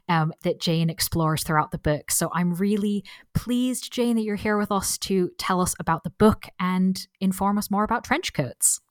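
Woman interviewer, lowish voice, polite and gently enthusiastic, close dry recording. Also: no echo. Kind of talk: podcast interview.

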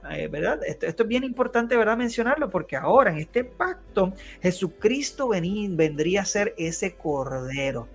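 Man, high pitch, conversational Bible teaching, tag questions, hesitant, faint music behind. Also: lively intonation, normal speed, creaky, hardly any pauses. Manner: keeps adding tag questions, frequent hesitations.

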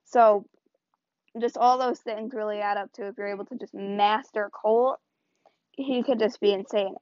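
In a mid-range, slightly mellow voice with fairly even intonation, a woman hosts a podcast at a measured pace, rambling loosely and chattily while sounding tired and strained. The dull lo-fi recording is dry, with no room sound.

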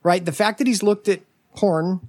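A man in his forties on a podcast, telling a family story in a casual, animated way and acting out what others said. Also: sits high, normal speed, dry recording, studio quality. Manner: animated, acts out family quotes. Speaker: podcast guest.

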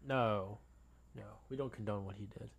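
A young man co-hosting a podcast, chatting casually in a relaxed, rambling way with lots of fillers. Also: on the low side, moderate pace, vocal fry. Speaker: podcast co-host. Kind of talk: casual chat.

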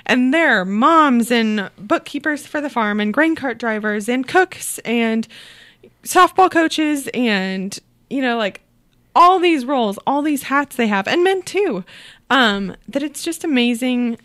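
A young woman from Iowa with a fairly high voice chats on a podcast. She is upbeat, laughs often, and speeds up in quick bursts. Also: animated, fairly bright tone. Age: young adult. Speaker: podcast guest, agriculture storyteller. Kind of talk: casual interview chat.

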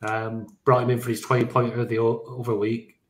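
On a fantasy football podcast, this co-host speaks briskly in a mid-range voice with little pitch movement. His talk is casual and jokey, full of swearing and easy laughter, and the room gives the audio a noticeable echo.

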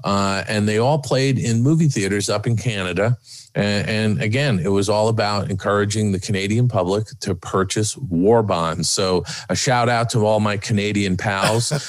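A man's voice: on the low side, moderate pace, dry recording. A man co-hosting a podcast in casual, rambling chat. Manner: rambling, chatty. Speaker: podcast co-host.

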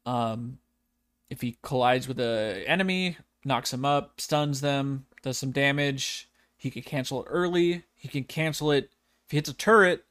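A man co-hosting a casual podcast chat, relaxed and hesitant with frequent ums. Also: medium pitch, moderate pace. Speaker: podcast co-host.

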